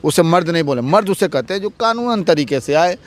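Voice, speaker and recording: A man with a somewhat high voice speaks as an interviewed advocate. He argues forcefully, piling up rhetorical questions and repeated phrases. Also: expressive, a little fast. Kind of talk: heated political interview.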